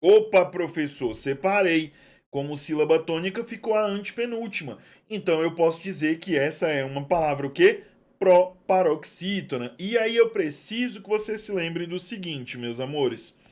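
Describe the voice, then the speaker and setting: Young male teacher, slightly high voice, chatty exam-prep style, stretches key terms. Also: lively intonation. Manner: chatty and affectionate, drawn-out stresses on key terms. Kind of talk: online exam-prep lesson.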